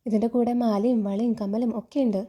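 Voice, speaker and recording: A woman's voice: fairly high pitch, fairly even intonation, fairly quick, mellow, slightly rough, lo-fi sound. A woman voicing a shy, polite young housemaid who speaks hesitantly.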